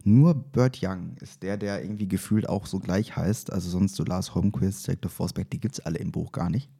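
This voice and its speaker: Husky, low-key male podcaster in echoey room. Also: normal speed, dark tone. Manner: hesitant, rambling and informal. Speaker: fan podcast host. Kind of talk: casual podcast chat. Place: echoey space outside the studio.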